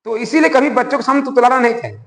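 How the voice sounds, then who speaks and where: A man teaching a school class in a lively, conversational way, often asking the class questions. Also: very high-pitched, racing. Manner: animated, conversational, asks the class rhetorical questions. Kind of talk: classroom lecture. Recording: echoey room with long reverb.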